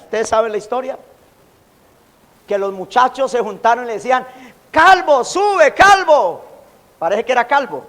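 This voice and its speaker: A man preaching a sermon as pastor, animated, acting out quoted taunts. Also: very high voice. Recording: long hall reverb.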